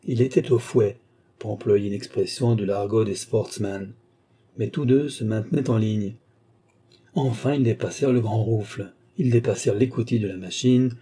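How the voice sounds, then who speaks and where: A man narrating a classic novel in a measured, even storytelling delivery. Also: lowish voice, slightly rough. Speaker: audiobook narrator. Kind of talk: scripted literary narration.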